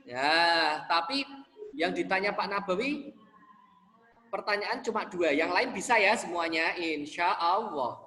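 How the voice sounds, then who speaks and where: A male religion teacher telling a story to young children on a video call, slow and repetitive, drawing out his words. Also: sits high, roomy sound, big-room sound, poor audio. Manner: slow, warmly drawn-out, repeats words for small kids.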